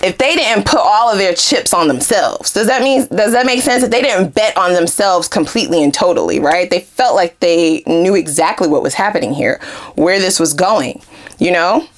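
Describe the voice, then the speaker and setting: A woman talks through a casual tarot reading. Her pitch swings widely and she breaks into giggles often. She drops curse words freely and keeps things animated. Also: normal speed. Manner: giggly, animated, frequent swearing. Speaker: tarot reader.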